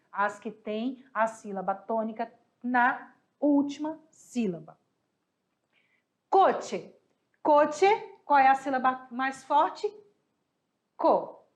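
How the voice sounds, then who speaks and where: A Brazilian woman teaching a class, a little hoarse, patiently asking questions and answering them herself. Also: sits high. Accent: Brazilian Portuguese. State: slightly hoarse, coughing. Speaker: Spanish teacher. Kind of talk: online class explaining exercises.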